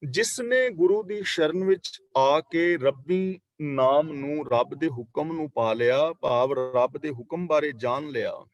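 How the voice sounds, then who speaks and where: Guy teaching a katha class over a video call, goes verse by verse, throws in english words, kinda high voice, dry. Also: no room sound. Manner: explains verses line by line, repeating key words. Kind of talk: scripture explanation class.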